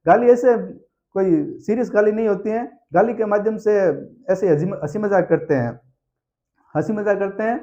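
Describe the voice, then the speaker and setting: High-voiced teacher. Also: male voice, normal speed. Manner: animated storyteller who acts out aunts and sings snatches of songs; repeats key answers like a drill. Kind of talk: exam-prep lesson with storytelling. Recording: slightly dull lo-fi recording.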